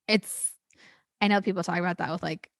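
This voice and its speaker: A woman's voice: on the low side, fairly even intonation, brisk, vocal fry, dry recording, clean studio sound. A woman talking casually and emphatically on a podcast, outspoken and often punctuating her talk with "like". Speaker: podcast host.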